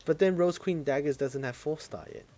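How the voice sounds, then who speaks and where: Co-hosting a casual gaming podcast, a man sounds relaxed and offhand, swearing casually and trailing off as he searches for words. His voice is a little high and a little fast, with faint music playing behind him.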